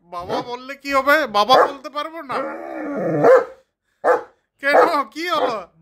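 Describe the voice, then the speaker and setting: A man's voice: very high voice, slow, over a noisy crowd. A man vlogging about his pet, talking to his dog in a teasing, playful scolding way. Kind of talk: casual talk to a pet dog.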